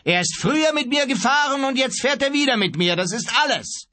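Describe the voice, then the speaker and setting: A man's voice: extremely high pitch, lively intonation, brisk, sharp tone, voice pushed up, heavily acted. A man voicing a self-assured, cocky schooner skipper in an audiobook.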